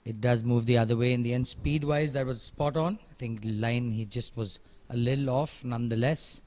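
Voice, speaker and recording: A man's voice: mid-range voice, normal speed, darkish tone. A man giving conversational live golf commentary, analysing each shot and offering encouraging remarks.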